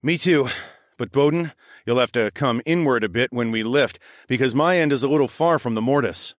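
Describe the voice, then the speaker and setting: A short, gruff raccoon of few words with a rough, gravelly voice, as a man puts him on. He speaks plainly and sparingly. The recording is dry and close. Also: medium pitch, normal speed, no room sound, close to an everyday voice. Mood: terse.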